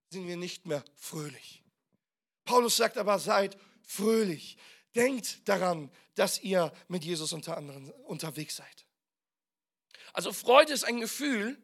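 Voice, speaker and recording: Guy preaching in church, kinda high voice, gravelly, punches words loud and asks the crowd stuff. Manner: preaching with sudden loud emphasis and rhetorical questions. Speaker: pastor. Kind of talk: sermon.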